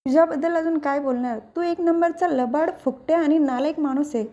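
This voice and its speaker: Outspoken young wife read by a woman, high mellow voice. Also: brisk, lightly acted. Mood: pleading. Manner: pleading, firm.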